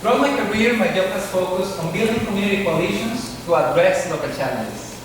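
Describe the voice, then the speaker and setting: A man, a city official and candidate, giving a prepared campaign speech in a steady, scripted delivery. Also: sits high, fairly quick. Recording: echoey hall from far off, noisy.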